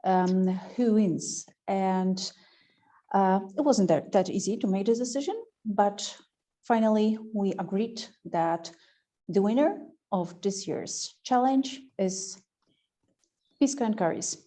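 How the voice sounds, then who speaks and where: A woman with a warm, mellow voice announces a competition result. She pauses often and fills the gaps with little hesitations, speaking at a middle pitch over a video call. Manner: hesitant, many fillers. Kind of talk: casual chat, then formal announcement.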